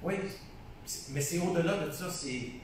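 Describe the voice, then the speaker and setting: A man's voice: fairly high pitch, moderate pace. A man with a Québécois accent chats about his painting with eager enthusiasm, circling back on his own phrases. He sounds far from the mic in a very echoey room. A faint hiss sits under his voice. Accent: Québécois French. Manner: enthusiastic, repeats phrases, restarts often. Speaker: painter being interviewed. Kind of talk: casual conversational interview.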